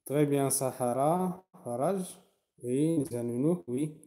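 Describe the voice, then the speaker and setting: A man teaching French verbs in a class, slow and patient, spelling out endings letter by letter and switching to to explain. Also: mid-range voice, mellow. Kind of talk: online language class.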